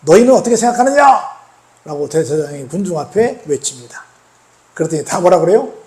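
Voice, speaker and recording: A man preaching a sermon as a pastor, retelling scripture, asking the congregation questions, and acting out the quoted lines. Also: high voice. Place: church sanctuary. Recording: echoey church hall.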